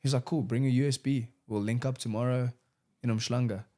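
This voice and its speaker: Kicking back in an interview, a young man who raps and produces talks in easygoing slang, often dropping "bro" and laughing briefly. He has a dark, mid-range voice with a steady tone.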